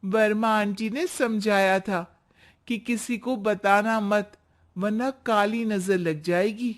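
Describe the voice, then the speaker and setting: A cheerful young wife from a cartoon story talks earnestly and hopefully, as a woman acts her out. Her voice is mid-pitched and her pace unhurried. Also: fairly even intonation, close to an everyday voice. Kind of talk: cartoon voice acting.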